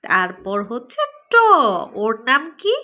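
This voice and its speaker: A woman with a Bangladeshi Bengali accent teaching children letter sounds, saying each one slowly and repeating it for them to echo. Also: on the high side, very animated, pushed and bright. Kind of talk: children's pronunciation lesson.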